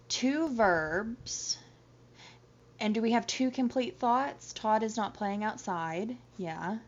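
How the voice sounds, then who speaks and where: A woman teacher recording a slide lecture, chatty, explaining step by step with examples. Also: medium pitch. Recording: dull lo-fi audio.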